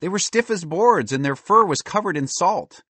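A man voicing an excitable young boy in a storybook, speaking higher and louder than his narration. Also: moderate pace, breathy edge, no room sound, full character voice. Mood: puzzled.

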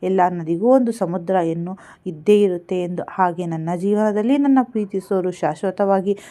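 Woman reader doing a soft-spoken orphaned teen girl, sorrowful and gentle. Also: mid-range voice, moderate pace, close to an everyday voice.

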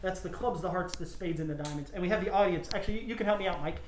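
A man in his thirties talks fast and jokes with deadpan asides while showing a card trick. He sounds like he is inside a small shop, with a roomy echo and a faint hum of noise behind him. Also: high voice. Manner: joking, playful patter with deadpan asides. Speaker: magic shop owner. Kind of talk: casual demonstration and interview. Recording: echoey shop room with faint background noise.

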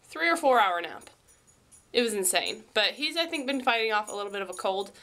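Brisk and mid-range, a young woman's stuffy, cold-affected voice fills a casual bedroom vlog. She's a family vlogger holding the camera at arm's length, chatting in an animated, rambling manner.

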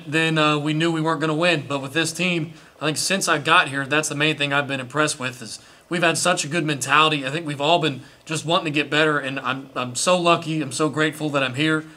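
Earnest young man, bright voice. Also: fairly high pitch. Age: young adult. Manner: earnest, grateful, many restarts. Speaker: college quarterback. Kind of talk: post-game press interview. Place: indoor press room before sponsor backdrop.

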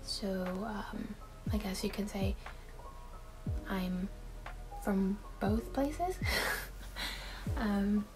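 A woman's voice: medium pitch, very slow, long pauses, over music, low-quality recording. A woman in her twenties from Taiwan, chatting casually to camera in a Q&A vlog from her bedroom, with frequent fillers and little laughs. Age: 20s. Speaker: vlogger.

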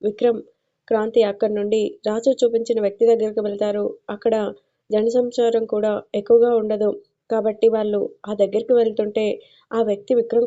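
A woman narrating an audio story with a steady, even reading. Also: medium pitch. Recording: dull lo-fi recording.

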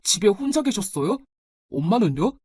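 A woman's voice: medium pitch, sing-song, normal speed, darkish tone, breathy edge, soft background music. A woman voicing a nineteen-year-old son in a told story, with a reproachful, pointed manner. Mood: quiet, polite. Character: nineteen-year-old son, resentful but gentle with grandmother. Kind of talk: storybook narration.

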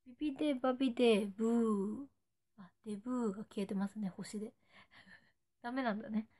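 Her voice on the high side and mellow, a playful Nagoya-accented young woman chats at normal speed on a live stream. She answers fan requests with short, cutesy phrases.

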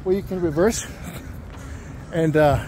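A man's voice: a little high, measured pace, warm tone. Chatty middle-aged man on a walking tour. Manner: chatty, greets passers-by. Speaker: vlogger giving a walking tour. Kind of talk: casual walking-tour narration. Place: outdoors on a windy waterfront causeway park. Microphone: handheld camera while walking. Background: faint wind and outdoor ambience.

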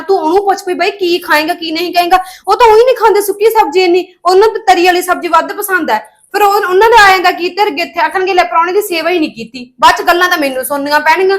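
A woman's voice: extremely high pitch, a bit bright. An actress playing a spoiled young married woman who scolds her sister-in-law and finds fault with everything. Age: young adult. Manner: scolding, sulky, fault-finding. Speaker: actress in a village family drama.

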